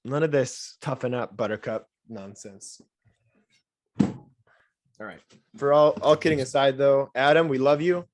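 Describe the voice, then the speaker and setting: A man's voice: medium pitch, measured pace, pauses often, very noisy. A man co-hosting a casual podcast, reading a listener's email aloud and breaking in with sarcastic asides. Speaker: podcast co-host.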